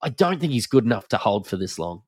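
Aussie bloke, broad australian accent, matey slangy sports podcast chat, really dry close sound. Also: male voice, fairly low pitch, very animated, fast talker, dry recording. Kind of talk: casual basketball analysis chat.

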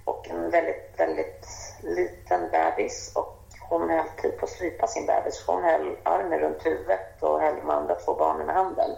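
A woman telling a personal story as a radio guest, in an animated, vivid way, with her own voice and without acting out the people in it. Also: sits low, vocal fry. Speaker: interview guest. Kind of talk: casual storytelling. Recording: dull, roomy radio sound.

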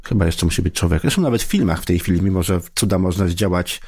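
Deep-voiced man in easy podcast talk. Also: animated, fast talker, a little mellow, slightly rough, no echo, studio quality. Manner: thoughtful, with hesitant fillers and restarts. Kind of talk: casual podcast conversation.

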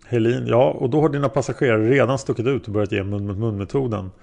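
A man's voice: mid-range voice, vocal fry, darkish tone, natural voice. A man voicing a male prosecutor who questions a witness step by step, in a methodical way. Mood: probing.

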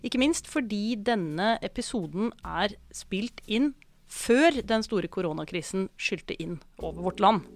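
A woman's voice: medium pitch, expressive. A woman hosting a podcast, interviewing a guest and closing the episode in an articulate, upbeat way. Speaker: podcast host.

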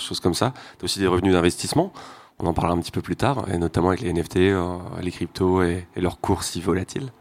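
Very deep-voiced male moderator. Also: no room sound. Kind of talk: hosting a round-table discussion.

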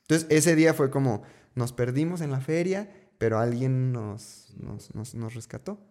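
A man with a Mexican accent tells a story from his own life in a relaxed, chatty way. He loops back on words for emphasis and throws in slangy asides. His voice sits at a middle pitch for a man. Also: unhurried. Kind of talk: casual storytelling.

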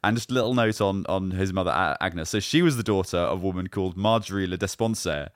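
Dry-sounding man telling history haltingly. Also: deep voice, dry recording. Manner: halting, full of ums and restarts. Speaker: podcast host. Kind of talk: casual comedic history chat.

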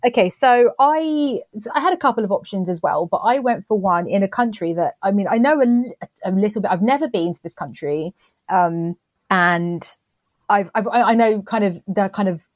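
A woman's voice: mid-range voice, expressive, moderate pace, no room sound. A woman co-hosting a podcast in casual, chatty talk, self-deprecating and full of restarts. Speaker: podcast co-host. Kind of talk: casual chat.

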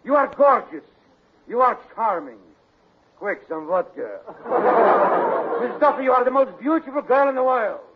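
An actor playing a grandiose mock Russian prince working as a hired escort, with a florid, theatrical courtly manner in 1940s radio comedy. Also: male voice, very high-pitched, expressive, unhurried, long pauses, phone-quality sound, very noisy, heavily acted. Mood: hammy wooing. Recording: old radio broadcast, loud studio audience.

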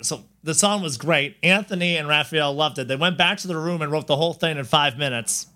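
Chatty, bright-voiced male podcast host. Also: on the high side, a little fast. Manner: laughs often, rambling with fillers. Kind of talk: casual chat.

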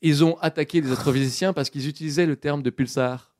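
Man, young adult, podcast host, casual chat, lively storytelling, dry sound. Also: fairly high pitch, fast, no echo. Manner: lively storytelling with many fillers.

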